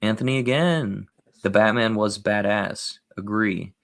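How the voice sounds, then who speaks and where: A man appearing as a guest movie reviewer in a casual chat, talking eagerly and excitably about films. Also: fairly low pitch, a little slow.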